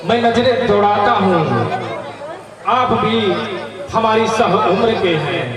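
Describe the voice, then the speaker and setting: A man playing a noble, dutiful king in Ramlila stage dialogue, speaking in a solemn, formal, oratorical way with deliberate pauses. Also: high-pitched. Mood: grave, concerned. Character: noble, dutiful king of an epic, worried about an heir. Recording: echoey outdoor stage, distant mic, crowd noise.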